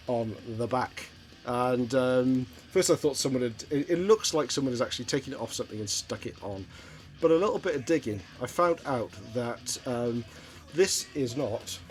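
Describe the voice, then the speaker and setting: A middle-aged man from Wales, chatting casually and hesitantly through a show-and-tell of his record collection. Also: mid-range voice. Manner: rambling, hesitant, many ums and restarts. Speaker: vinyl collector vlogger.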